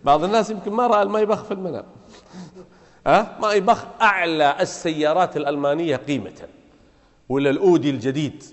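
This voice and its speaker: A man preaching a sermon in a mosque, building to loud emphatic peaks and putting rhetorical questions to his listeners. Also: a little high, quick pace. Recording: long hall reverb in a mosque.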